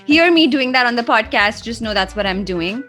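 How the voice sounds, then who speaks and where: Woman hosting a chatty podcast, kinda high voice, teasing her guest. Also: expressive, moderate pace, bright, forceful tone, soft background music. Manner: playful and teasing. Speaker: podcast host. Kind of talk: casual podcast conversation.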